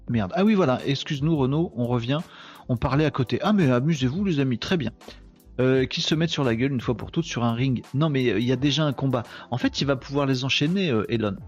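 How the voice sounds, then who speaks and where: In dull-sounding audio, a medium-pitched man chats casually while hosting a live online show. He pokes fun at himself, jokes around and uses plenty of fillers.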